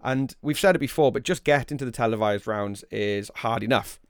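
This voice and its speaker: A man's voice: mid-range voice, brisk, smooth, dry recording, studio quality. A man hosting a podcast, talking in a chatty, informal way as he gives commentary and asks questions. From the Wirral, north-west England. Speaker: podcast host. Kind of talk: conversational quiz recap and interview.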